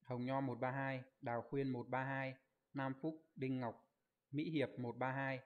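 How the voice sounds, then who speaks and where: A Japanese language teacher with a middle-pitched, level voice runs an online exam review, walking through each answer step by step and checking in with rhetorical questions. He rattles off viewers' comment answers in quick lists, and the sound is phone quality.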